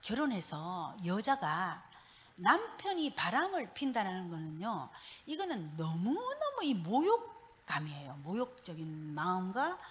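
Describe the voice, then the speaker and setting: A middle-aged woman gives a church testimony. Her voice sits fairly high and swoops up and down as she tells her story in an animated way. She laughs often as she talks. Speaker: pastor's wife giving testimony.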